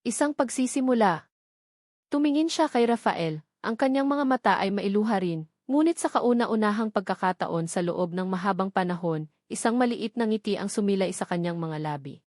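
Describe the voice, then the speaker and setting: Here a Filipino-accented woman dramatically narrates a scripted romance, her medium-pitched voice expressive and a little mellow at a normal speed. It's a dry recording with clean studio sound.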